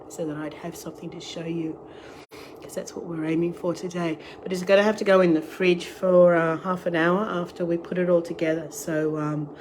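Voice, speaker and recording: With a fairly low pitch, a middle-aged Australian woman who has a cold and is losing her voice chats casually while hosting a live cooking stream, greeting each viewer as they join. She's an online tour and cooking class host. Her device camera records her on an outdoor deck, with wind and ambient noise, and then in her home kitchen.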